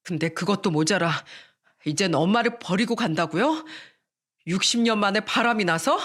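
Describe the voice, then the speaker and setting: A woman's voice: mid-range voice, animated, moderate pace, a bit bright. A woman voicing a hot-tempered grown son, blunt. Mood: defiant accusation. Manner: accusing, blunt, insistent.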